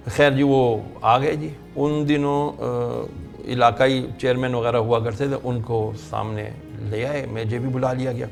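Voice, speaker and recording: A man's voice: mid-range voice, flat delivery, gravelly, hardly any pauses, faint music behind. A middle-aged man with a Pakistani Urdu accent, a religious scholar telling a long story and acting out the people in it. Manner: narrates at length, acting out the people in his stories.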